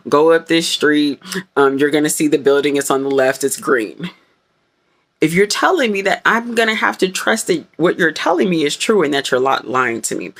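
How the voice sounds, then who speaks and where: A woman's voice: low voice, gravelly. A woman vlogger giving a casual, rambling faith talk straight to her viewers, dramatic by her own account. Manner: rambling and animated, self-described dramatic; talks to viewers directly, with frequent fillers.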